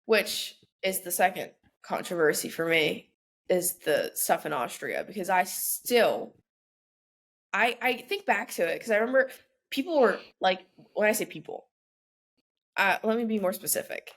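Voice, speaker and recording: A woman's voice: medium pitch, animated. A young woman co-hosting a casual podcast, chatty and opinionated, with lots of "like" fillers. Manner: chatty, full of "like" fillers, quick to vent. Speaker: podcast co-host. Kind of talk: casual chat.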